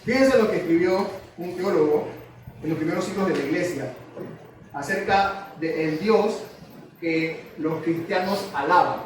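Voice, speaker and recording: A man's voice: fairly high pitch, measured pace, a little hiss or hum. A man preaching a sermon, who teaches step by step and often asks his congregation questions. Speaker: pastor. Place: church hall. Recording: very echoey hall, mic at a distance.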